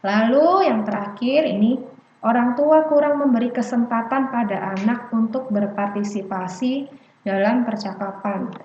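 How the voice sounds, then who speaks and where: A woman's voice: on the high side, a little slow, a little mellow. Chatty woman giving an online seminar. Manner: chatty, often ends points with "gitu". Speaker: speech development presenter. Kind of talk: online parenting seminar talk. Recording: echoey, dull lo-fi audio.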